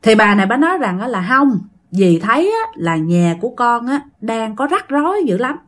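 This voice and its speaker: A woman with a Southern Vietnamese accent, narrating a ghost story to her listeners in lively quoted speech. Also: on the high side, moderate pace.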